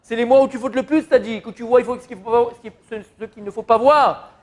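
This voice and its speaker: A man's voice: very high-pitched, fast talker. A rabbi giving a Torah lesson to an audience, often asking them questions as he teaches.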